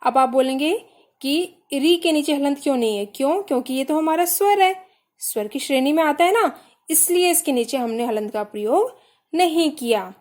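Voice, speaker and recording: A woman's voice: high-pitched, expressive, normal speed, darkish tone. A woman teaching a grammar lesson to children, patiently spelling out syllables one by one and asking questions that she then answers herself.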